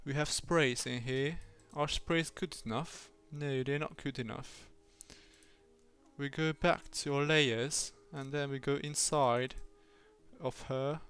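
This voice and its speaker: Man, fake British accent, slow unhurried talk, playful rambling self-talk, livestream, faint music underneath. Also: medium pitch, steady tone, clear, resonant tone. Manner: rambling, playful, talks to himself and the software. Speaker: streamer. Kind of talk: livestream self-talk while doing design work.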